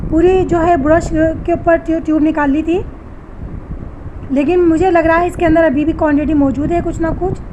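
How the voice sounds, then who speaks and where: A woman's voice: very high voice, darkish tone, slight background noise. A woman giving step-by-step household tips at home. She speaks straight to her viewers, patiently repeating each step.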